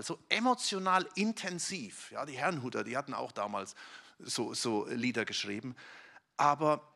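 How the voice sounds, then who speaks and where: A man preaching a sermon to a congregation, talking to his listeners directly in a lively, conversational way. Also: a little high, vocal fry.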